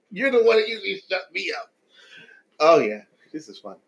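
Loud, laughing man with a lively voice. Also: high voice, normal speed, vocal fry, a little hiss or hum, low-quality recording. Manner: loud laughing, teasing, crude jokes. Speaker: podcast guest. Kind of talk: casual podcast chat.

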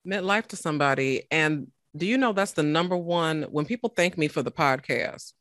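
A podcaster shares a heartfelt testimony in an animated, faith-filled way, often stopping and restarting mid-thought. The voice sits at a middle pitch. It is recorded close and dry, with no room sound. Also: normal speed, dry recording. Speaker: podcaster guest. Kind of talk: emotional storytelling in conversation.

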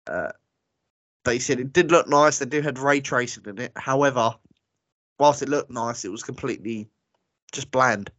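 A man's voice: mid-range voice, moderate pace, long pauses, fairly bright tone, no echo. A man chats on a gaming podcast in a blunt, dismissive way and laughs easily. His voice sounds dry and a little dull, as on a lo-fi recording. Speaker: podcast host. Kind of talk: casual gaming podcast chat.

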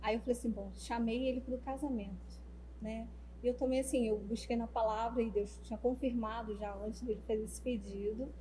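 Young woman with a high, mellow voice. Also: brisk, slight background noise, poor audio. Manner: animated, acts out the dialogue, many fillers like "né". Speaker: guest telling how she met her partner. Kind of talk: casual storytelling.

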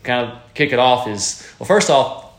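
A man's voice: medium pitch, expressive, moderate pace, echoey room. A man in his thirties hosting a podcast, rambling casually with lots of fillers and restarts. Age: 30s. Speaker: podcast host.

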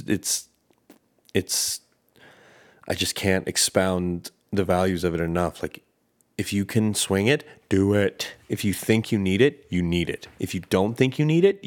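A man hosting his own podcast, talking candidly and rambling with frequent swearing. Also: deep voice. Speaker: podcast host. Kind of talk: casual solo podcast monologue.

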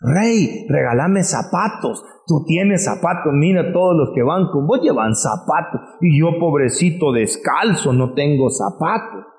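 A man putting on a barefoot beggar who calls out to a passing king, his voice pitched high and swinging up and down as he pleads and insists. The sound rings with long hall reverb, like a storytelling voice inside a sermon. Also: lively intonation, measured pace, few pauses, darkish tone. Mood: pleading.

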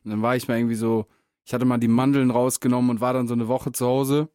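A man's voice: medium pitch, little pitch movement, fast talker, darkish tone, clean tone, dry recording, clean studio sound. A young man co-hosting a podcast, talking in loose, slangy, laid-back banter. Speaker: podcast co-host. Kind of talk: casual chat.

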